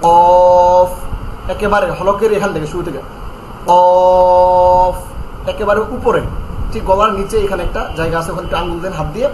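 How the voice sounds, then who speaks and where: A man teaching Quran pronunciation in an online lesson, drilling each letter sound slowly and repeating it, with calm step-by-step instructions on tongue placement. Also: high-pitched, reverberant, slight background noise, rough recording.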